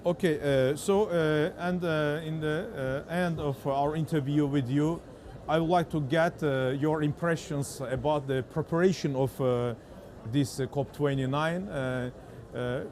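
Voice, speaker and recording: Halting male interviewer with an Azerbaijani accent. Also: fairly high pitch, fairly even intonation, darkish tone. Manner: halting, hesitant, frequent fillers in non-native English. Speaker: interviewer, TV journalist. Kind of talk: on-site interview questioning.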